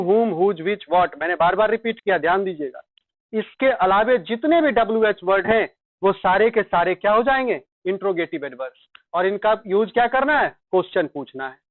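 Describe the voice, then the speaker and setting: A man teaching grammar, slowly dictating examples and quizzing students with repeated questions. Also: high-pitched, dry recording. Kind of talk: classroom lecture in Hindi with English examples. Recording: dry tinny lo-fi sound.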